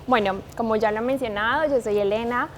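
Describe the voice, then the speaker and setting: A woman's voice: on the high side, a little fast, slight background noise. Colombian woman, earnest interview guest. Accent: Colombian, from Manizales. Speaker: guest, liquor brand manager. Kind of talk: interview conversation.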